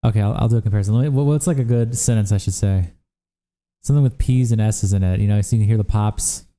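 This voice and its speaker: A young man hosting a livestream, worn out after days of streaming, speaks in a lowish, warm voice. He reads viewer comments casually and profanely, reacting to chat with quick asides.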